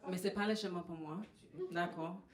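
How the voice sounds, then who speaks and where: A woman from Trinidad and Tobago with a Trinidadian accent, performing stand-up comedy in a halting way with many fillers. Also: fairly low pitch, fairly even intonation. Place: comedy venue. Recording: roomy live venue sound.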